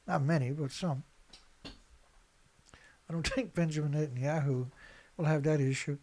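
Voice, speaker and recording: An online host, a man, reads out news headlines and reacts without a script, giving blunt, emphatic, colloquial opinions and repeating himself a lot. His voice is on the high side, unhurried, and a little mellow.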